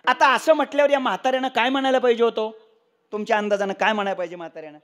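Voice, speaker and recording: A man's voice: very high voice, racing. A man from Maharashtra preaching a Warkari kirtan, telling a comic story with teasing rhetorical questions to the audience and acting out the people in it. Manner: animated, acts out the characters in his story.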